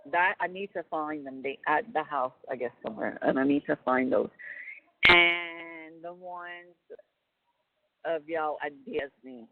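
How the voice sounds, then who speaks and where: A woman's voice: low-pitched, unhurried. A woman chatting casually and colloquially on a phone call, rambling as she goes. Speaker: caller on a prison phone call. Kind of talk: casual personal phone chat. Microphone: telephone. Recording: tinny narrow-band phone line.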